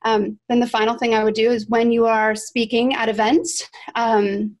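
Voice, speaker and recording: Woman, upbeat chatty guest on a video call, slightly high voice. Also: level tone, normal speed, a little mellow. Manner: chatty, enthusiastic, many "like" and "right?". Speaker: guest podcaster. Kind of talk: casual video-call discussion.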